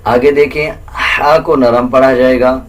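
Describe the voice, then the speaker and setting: A Quran recitation teacher explains tajweed pronunciation rules in a plain, instructive way, keeping a steady tone. He then chants verses slowly in a higher, melodic voice.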